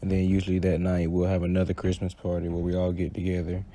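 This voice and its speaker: A man reading a personal essay for a class project, slow and steady. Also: sits low. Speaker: student presenter.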